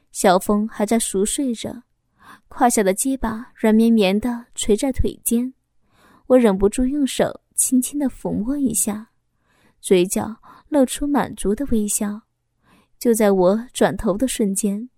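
A woman with a fairly high, mellow voice tells a first-person story in an intimate, confessional tone. She reads close to the mic in a dry, dead space. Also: no room sound. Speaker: audiobook narrator.

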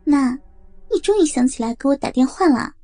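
A woman's voice: high-pitched, expressive, fairly quick, warm tone, soft background music, pitched above the performer's own voice. A woman voicing a blunt young daughter on the phone in an adult audio story, curt and scolding. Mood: curt, suspicious.

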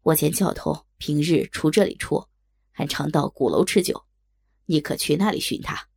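A woman voicing gruff, brusque common men who work as tavern waiters, in a low gravelly put-on voice. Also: moderate pace, darkish tone, no room sound, clean studio sound, exaggerated voice. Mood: helpful. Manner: brusque, offhand. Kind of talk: storytelling voice acting.

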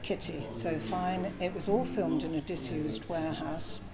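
An older southern English woman tells stories from her life in a conversational way. Her voice sits low, and loud crowd chatter surrounds her throughout. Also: a little slow. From Essex, England. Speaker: podcast guest, former film production worker. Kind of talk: conversational life-story telling. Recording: busy crowd chatter behind. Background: crowd noise.

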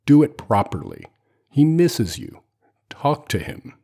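Tired, defiant mother, clipped lines; male reader, mellow and husky. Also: mid-range voice, big pitch swings, takes it slowly, voice pushed up, full character voice. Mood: tense, sharp. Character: weary, defiant mother at dinner.

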